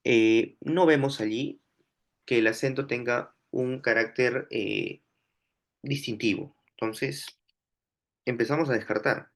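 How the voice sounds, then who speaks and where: A man teaching a lesson, reading out exam questions and then reasoning through each option aloud. His voice sits at an ordinary middle pitch, and he speaks in a patient, explanatory way, often asking questions and answering them himself. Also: slow pace. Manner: explanatory, thinks aloud while solving. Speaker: language teacher.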